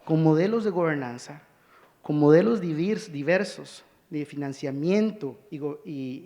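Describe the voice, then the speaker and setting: A man's voice: on the high side, gravelly, warm tone. A man from Rica, giving an earnest conference presentation and calling for the next slide. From Costa Rica. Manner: earnest, urging, cues slides. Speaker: conference speaker. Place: conference hall. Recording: long hall reverb.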